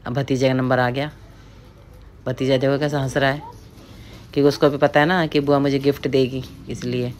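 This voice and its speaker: A woman's voice: a bass voice, level tone, normal speed, pauses often, darkish tone. A middle-aged woman from the hills, chattily narrating a family ritual in a casual voice-over and often addressing her viewers as friends. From Pahari hill region of India.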